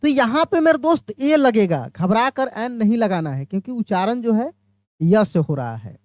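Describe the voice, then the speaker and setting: An Indian woman on the high side, her somewhat mellow voice swinging widely in pitch, walks through exam-prep grammar step by step. She frequently asks questions and answers them herself, drawing English example phrases out slowly; the studio-quality recording has no echo.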